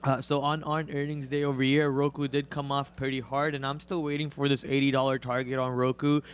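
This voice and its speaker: On a live stream, a young co-host and day trader walks through his trades in rapid, excited commentary, calling prices as they change. A cold has left his voice raspy, and it turns loud and high-pitched each time a stock makes a move.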